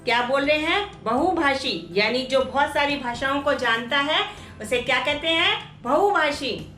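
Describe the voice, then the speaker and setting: A woman teaching, explaining a grammar exercise slowly and carefully, repeating each word for students. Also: high-pitched, expressive, bright, forceful tone. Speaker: Hindi teacher. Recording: echoey room with faint music.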